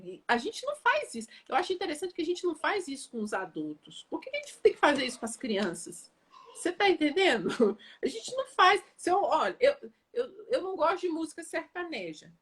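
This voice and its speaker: A woman educator talking casually on a live stream, lively, often repeating words and checking whether listeners follow. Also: high-pitched, normal speed. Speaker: educator and guest on an Instagram live.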